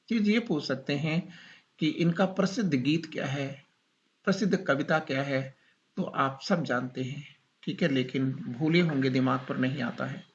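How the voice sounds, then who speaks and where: Male teacher dictating a lesson slowly, repeats himself a lot, slightly high voice, muffled lo-fi sound. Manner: slow, repetitive dictation with questions to students. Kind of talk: classroom lecture.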